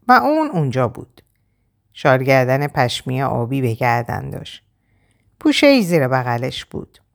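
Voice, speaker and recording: A woman narrating an audiobook in an expressive, measured reading. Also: deep voice.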